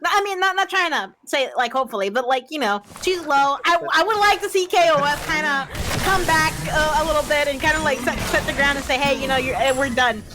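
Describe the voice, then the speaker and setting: High-voiced woman casting an esports match. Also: a little fast, noisy background. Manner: chatty, hedging with fillers. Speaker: esports caster. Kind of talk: casual color commentary. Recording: music bed behind voice. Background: game music.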